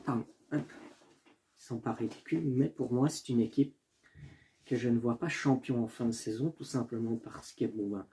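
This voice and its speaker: Soft background music plays as a young man hosts a casual solo football video, speaking at normal speed in a dark, mid-range voice. He thinks aloud, often pausing to correct himself, and stumbles over names, apologizing each time.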